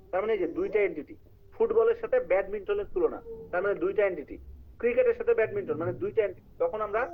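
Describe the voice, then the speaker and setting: A man teaching an English writing class online, explaining grammar and quizzing his students while mixing in English terms. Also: high voice. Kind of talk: live online class lecture. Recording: tinny phone-like line.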